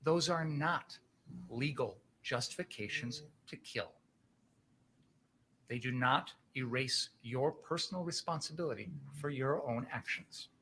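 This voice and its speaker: A man's voice: mid-range voice, unhurried, bright, forceful tone, a little hiss or hum, rough recording. A man speaking as a prosecutor, giving a passionate, emphatic closing argument to a jury, using pointed rhetorical questions and repetition.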